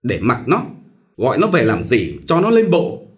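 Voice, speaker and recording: A man's voice: medium pitch, sing-song, a little fast, lightly acted. A man voicing an angry, domineering older woman who scolds harshly in a storybook reading. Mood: scornful. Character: angry domineering old mother-in-law, sharp-tongued.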